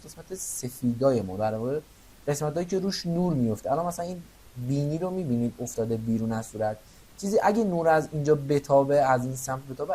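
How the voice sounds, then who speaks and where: A man's voice: a little high, warm tone. Young man casually explaining on screen. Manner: informal, thinks aloud while explaining. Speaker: Photoshop instructor. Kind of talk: screen-recorded software tutorial.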